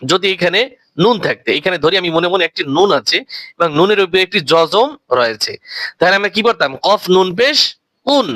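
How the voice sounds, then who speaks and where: A man's voice: high voice, bright, forceful tone, no room sound, rough recording. A man teaching Quran reading, who spells out letters and vowel marks, stretches each finished word into a long chanted tone, and repeats his key points as questions to the learner. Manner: drawn-out sung recitation of each word.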